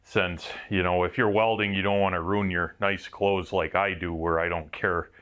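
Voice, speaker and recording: A man's voice: deep voice, little pitch movement, normal speed, fairly bright tone. A man with a Wisconsin accent, a welder casually reviewing work gear in a rambling, self-mocking way. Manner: rambling, offhand, self-mocking, with some swearing.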